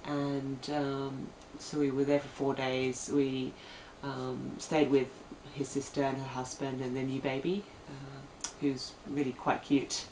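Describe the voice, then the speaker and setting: Her voice rumbles low with a darkish tone, and she talks slowly and flatly with few pauses. The young Australian woman is casually vlogging to her camera at home, hesitant and um-filled, captured by a distant camera mic in an echoey room with a bit of hiss or hum.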